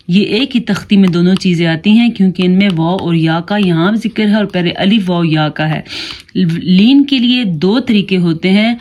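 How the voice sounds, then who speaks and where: A woman teaching beginners to read the Quran, spelling out each Arabic syllable and repeating it slowly, with quick explanations in between. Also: mid-range voice, a little mellow.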